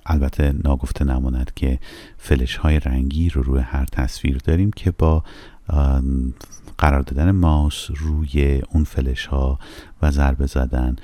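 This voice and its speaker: Male tutor, very low and mellow, slow repeat-after-me pronunciation drills, dry close sound. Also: no room sound. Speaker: language teacher. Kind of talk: recorded language lesson.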